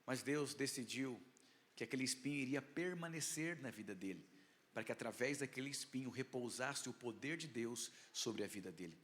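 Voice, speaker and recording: A Brazilian man preaching a sermon with personal testimony as a pastor, with slightly tongue-tied articulation and an emphatic delivery full of dramatic pauses and swells. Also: mid-range voice, expressive, fairly bright tone. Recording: echoey hall with long reverb.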